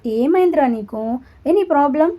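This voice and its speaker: A woman's voice: high-pitched, lively intonation, moderate pace, highs cut off. A woman voicing a friendly young male colleague who jokes casually. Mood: joking.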